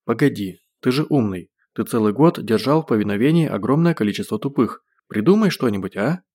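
A man reading an audiobook, voicing a scheming, self-pitying captive who talks softly and plaintively. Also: medium pitch, expressive, fairly quick, breathy edge. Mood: wheedling.

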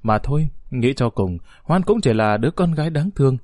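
Lively male audiobook narrator. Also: medium pitch, brisk, no echo, studio quality. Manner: expressive storytelling, voices the characters.

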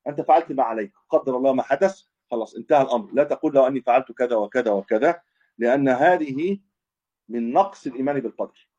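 A man explains religious texts at a rapid clip, his voice dark and husky. He keeps restating each point and correcting himself mid-phrase as he teaches. The recording sounds dull and lo-fi. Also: medium pitch. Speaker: Islamic scholar teaching hadith. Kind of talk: religious lesson commentary.

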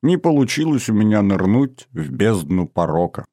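A man's voice: lowish voice, big pitch swings, normal speed, no echo, clean studio sound. A man voicing a bashful young girl. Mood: shy, tender. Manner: soft, hesitant, bashful. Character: shy teenage girl at a party. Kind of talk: audiobook reading.

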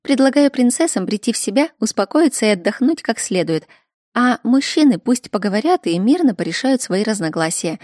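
A woman reading a story aloud, voicing a brisk, practical older sister who speaks firmly. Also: a little high, big pitch swings, a little mellow, dry recording, clean studio sound.

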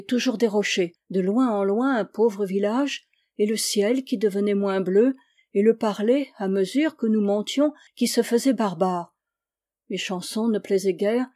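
A woman narrating a literary story as an audiobook, with expressive, dramatic delivery. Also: medium pitch. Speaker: audiobook reader.

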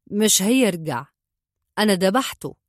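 A stern Egyptian father who answers everything with icy calm, read by a woman in her own voice. The delivery is measured and cutting, in a dry, close recording. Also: mid-range voice, no room sound, close to an everyday voice. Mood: cold calm. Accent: Egyptian Arabic.

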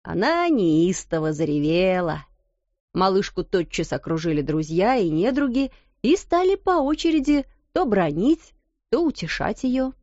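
A woman narrating a children's story aloud, animated and acting out the characters. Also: mid-range voice, measured pace, no echo, lo-fi sound. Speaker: audiobook narrator. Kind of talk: expressive storybook reading.

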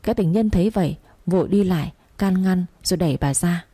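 Female story narrator, low mellow husky voice, dry close sound. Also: a little fast, dry recording.

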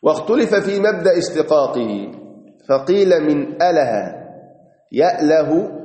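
Egyptian man, mosque lesson, slightly high voice, explaining slowly, long hall reverb. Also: mellow. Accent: Egyptian Arabic. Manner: explanatory, reads passages aloud then comments, stretches key words. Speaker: Islamic teacher. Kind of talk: mosque lesson commentary on a creed text.

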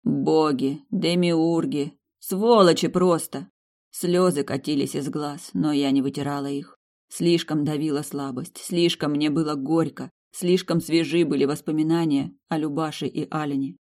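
An audiobook narrator reading a first-person fantasy novel in a plain, steady way. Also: medium pitch, measured pace.

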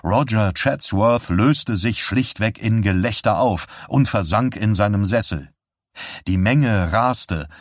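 A man narrating an audiobook in an expressive storytelling reading, on a close studio microphone. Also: lowish voice, slow pace, no room sound.

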